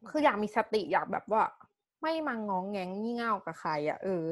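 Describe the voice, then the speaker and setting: A young woman in casual chat, telling a personal story with animated delivery and English words mixed in. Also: medium pitch, a little fast.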